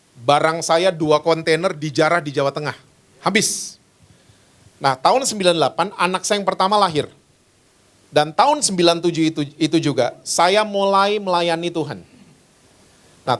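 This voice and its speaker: Brief: male pastor in his fifties, slightly high voice, lively personal-story sermon. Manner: storytelling, animated, acts out voices in quotes. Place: church.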